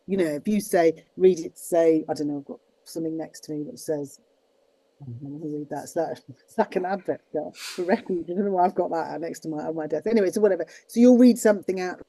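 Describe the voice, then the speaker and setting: A voice actress talking casually in an interview over a video call, rambling with many restarts. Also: female voice, low-pitched, fairly quick, mellow, poor audio. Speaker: voice actress and guest; teaches students. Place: at her desk.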